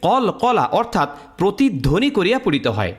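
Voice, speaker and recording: A man's voice: high voice, big pitch swings, moderate pace. A man teaching Quran recitation rules step by step, drilling letter sounds in a sing-song, teacherly way. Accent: Bangladeshi Bengali. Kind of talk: step-by-step lesson.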